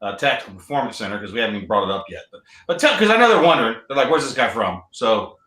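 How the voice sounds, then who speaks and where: A man with an American accent hosting a casual podcast, talking in a relaxed, rambling way with many ums. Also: mid-range voice, racing, far from the mic. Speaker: podcast host. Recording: roomy and off-mic.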